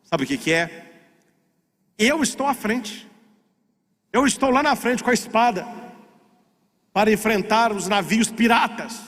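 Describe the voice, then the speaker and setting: A proud, bold ship's captain, put on by a preacher, barking orders in a high, lively voice. His pace is slow and deliberate. The sound echoes with long reverb, as if in a large sanctuary. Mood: confiding. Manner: booming commands, sly asides. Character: bold old sea captain, proud and commanding. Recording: long church hall reverb.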